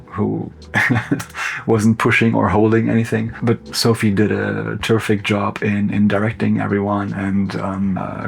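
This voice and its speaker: Gravelly, flat-voiced German-accented man. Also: lowish voice. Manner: relaxed, loose, sprinkled with "like" and "you know". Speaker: cinematographer. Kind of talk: casual behind-the-scenes commentary.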